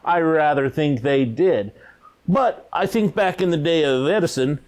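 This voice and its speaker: An actor playing a rambling, hesitant male huckster who sells ghost-hunting gadgets, speaking in a deadpan mockumentary interview. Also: a little high, unhurried. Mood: earnest. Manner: rambling, hesitant, full of uh's. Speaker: paranormal gadget seller being interviewed.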